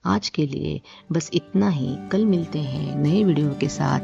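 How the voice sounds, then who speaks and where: A woman teaching spoken English, repeating words patiently in slow drills. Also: low voice, creaky, over music. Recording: dull lo-fi audio.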